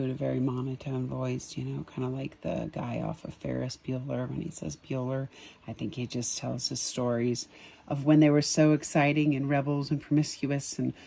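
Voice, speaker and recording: A sketch artist and empathic reader chatting casually outdoors on a spring evening, musing about a drawing with many ums and soft chuckles. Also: mid-range voice, gravelly.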